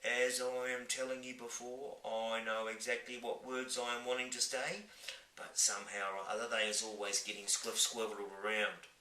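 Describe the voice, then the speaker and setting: A man voicing a very old, gentle male giant who mangles his grammar and invents words, speaking slowly. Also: medium pitch, little pitch movement. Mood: wistful. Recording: roomy, from a distant mic.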